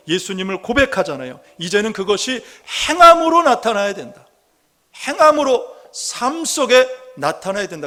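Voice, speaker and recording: A man preaching a Sunday sermon as pastor, earnest, asking rhetorical questions and slowing down to read scripture aloud. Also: high-pitched, a bit bright. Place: church sanctuary. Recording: long reverb of a church hall.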